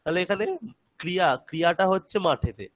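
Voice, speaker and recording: A man's voice: sits high, lively intonation, fairly quick, a crowd in the background. Patient man teaching grammar online. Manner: patient, explaining step by step with checks like "right?". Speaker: Sanskrit teacher.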